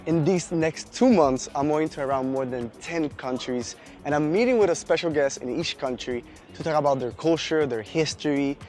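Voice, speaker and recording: A man hosting a travel show out on the streets, asking quick friendly questions as he walks. His voice sits a little high. Faint music and passing traffic sit behind him. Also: a little mellow. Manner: chatty, asks many short questions. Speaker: travel podcast host. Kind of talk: casual street interview. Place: outdoors walking in a city old town. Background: city noise and traffic.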